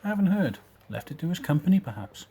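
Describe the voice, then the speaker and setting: A man's voice: on the high side, big pitch swings, quick pace, mellow, slightly rough, exaggerated voice. An actor playing a callous, jocular businessman in an audio drama. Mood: mocking, amused. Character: callous, jocular businessman gossiping about a death.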